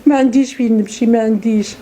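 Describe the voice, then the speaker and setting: A woman's voice: on the high side, steady tone, very fast, warm tone, a little hiss or hum. A middle-aged woman with a Moroccan accent, giving an interview testimony in a pleading voice and repeating her words over and over.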